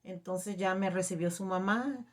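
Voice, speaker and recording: A middle-aged woman telling a personal faith testimony, halting and emotional, with many fillers. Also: mid-range voice. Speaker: testimony giver.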